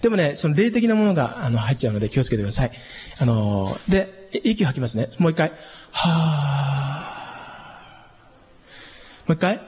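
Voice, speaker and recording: A man leading a calm vocal training lesson, explaining relaxation and demonstrating long, breathy exhalations. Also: a little high, fast, a little hiss or hum. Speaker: voice and breathing instructor. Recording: long reverb, dull lo-fi sound.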